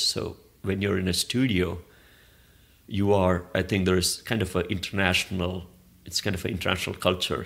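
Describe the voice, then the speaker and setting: In a reflective conversational interview, a man speaks in a low, gravelly, slightly bright voice. He is a Malayalam-speaking arts organizer from southern India, and his thoughtful answers wander, with many restarts.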